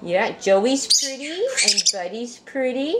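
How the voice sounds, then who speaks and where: Female pet owner, high lilting voice, cooing affectionate repetitions to a bird, very noisy recording. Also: very animated, slow. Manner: cooing, repeats phrases back.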